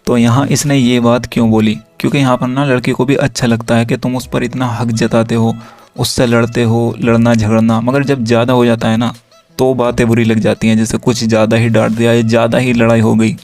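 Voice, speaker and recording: A young man talks straight to his viewers about patching things up after a fight, reading chat messages aloud as he goes. His voice sits at an ordinary middle pitch and stays very flat, with little rise or fall. Light music plays faintly behind him. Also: a little fast. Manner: reads chat lines aloud in a flat steady tone, addresses viewers directly. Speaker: relationship advice creator.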